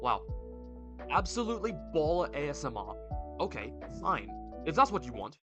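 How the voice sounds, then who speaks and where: A man's voice: a little high, big pitch swings, normal speed, music in the background. Laid-back young male streamer. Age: young adult. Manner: reads chat aloud and bickers back, laid-back slangy banter. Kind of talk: casual live-stream chat. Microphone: desk streaming mic.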